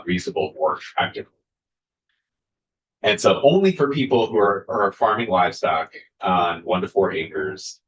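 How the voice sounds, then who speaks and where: Low-voiced guy going through a bill line by line for a senate committee, lots of ums. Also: a bit bright, muffled recording, slight background noise. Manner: careful, halting, many fillers. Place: state senate committee room.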